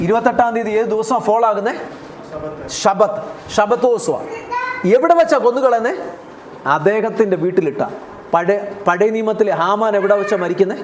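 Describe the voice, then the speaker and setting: A man's voice: sits high, moderate pace, background noise. Man, Malayali accent, pastor, sermon, rhetorical questions, repeated phrases, echoey church hall. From India.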